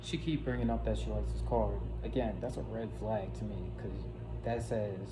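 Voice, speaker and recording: A man's voice: lowish voice, fairly even intonation, normal speed. A man in his twenties giving casual, opinionated, slangy reaction commentary into a phone at home. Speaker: reaction video creator. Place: small room at home. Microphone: phone at arm's length. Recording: roomy phone recording, music behind.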